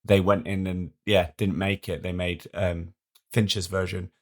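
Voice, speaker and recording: A man's voice: low-pitched, little pitch movement, a little slow, a little mellow. A man co-hosting a podcast in casual, jokey, rambling chat. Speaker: podcast co-host.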